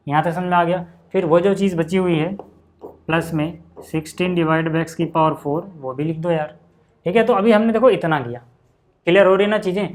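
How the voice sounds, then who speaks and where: A man teaching maths at a board, chatty and explaining step by step, often asking if the class follows. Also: fairly high pitch. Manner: chatty, asks check-in questions.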